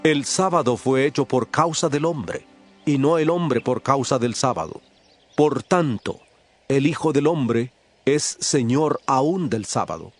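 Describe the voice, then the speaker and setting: An actor playing Jesus as a calm, authoritative teacher and healer, speaking with solemn emphasis in a dramatized scripture reading. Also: male voice, medium pitch, measured pace. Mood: firm, questioning. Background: background music.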